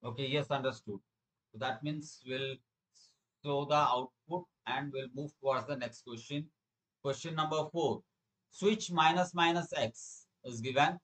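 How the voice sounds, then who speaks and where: A man's voice: medium pitch, measured pace, fairly bright tone, poor audio. A middle-aged man with an Indian accent teaching a live programming lesson, repeating phrases for emphasis and questioning his students. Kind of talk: live online lesson, explaining quiz questions.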